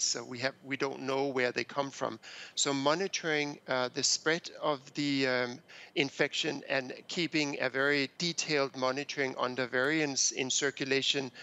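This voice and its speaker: Danish-accented expert guest, fifties, headset video call, halting and measured delivery, sharp tone. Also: male voice, medium pitch, vocal fry, low-quality recording. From Denmark. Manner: measured, hesitant with many fillers. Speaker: public health expert guest. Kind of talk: remote news interview. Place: small home office indoors. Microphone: headset mic on a video call.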